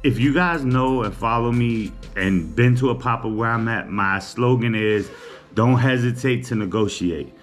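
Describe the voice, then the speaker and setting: In a mid-range voice at a moderate pace, a male vlogger tells the camera on his table about his day from a small room, soft music in the background. His manner is relaxed, chatty and a little teasing.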